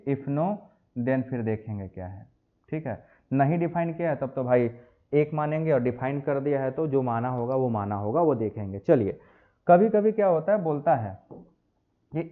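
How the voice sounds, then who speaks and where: Animated chemistry teacher, tinny sound. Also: male voice, fairly high pitch. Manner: lively, addresses students as beta and bachche; mixes English phrases into explanation. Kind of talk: classroom lecture. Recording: tinny phone-like audio.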